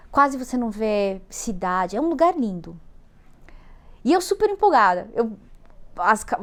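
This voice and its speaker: A Brazilian-accented woman is a guest on an interview, telling a travel story with animation. Her voice sits slightly high, and she laughs lightly as she goes. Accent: Brazilian Portuguese. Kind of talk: storytelling anecdote.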